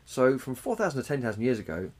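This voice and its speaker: A man chatting casually as a podcast co-host. He swears freely and slips into animated retellings, with a middle-of-the-road pitch. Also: fast talker. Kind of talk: casual chat.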